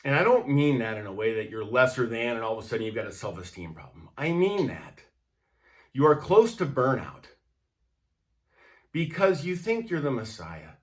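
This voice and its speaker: A man's voice: mid-range voice, big pitch swings, normal speed. A man from the United States giving a conversational devotional sermon, emphatic and direct, often checking in with the listener. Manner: conversational, emphatic, with repeated tag questions. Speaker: pastor.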